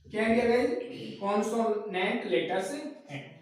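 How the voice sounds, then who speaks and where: High-voiced male teacher in an echoey room. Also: slow pace. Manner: asks questions and answers them himself; repeats key points. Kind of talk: classroom lecture. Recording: very echoey room, mic far off.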